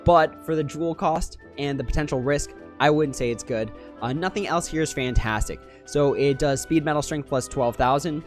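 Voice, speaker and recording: A man's voice: a little high, normal speed, few pauses, faint music behind. Man talking on a livestream headset mic. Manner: analytical, critical, thinking aloud. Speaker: mobile game streamer. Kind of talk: casual livestream commentary.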